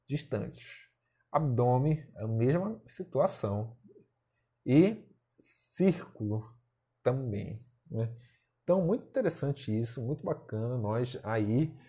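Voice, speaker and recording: Husky Brazilian male teacher. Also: medium pitch, a little mellow. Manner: explanatory, checks in often with "né?" and "tá?". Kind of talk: recorded video lesson.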